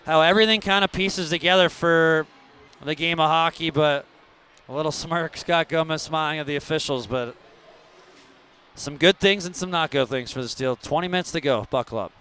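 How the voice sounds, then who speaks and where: Clear, higher-pitched male hockey broadcaster. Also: normal speed, pushed and bright. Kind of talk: live sports commentary with promotional reads.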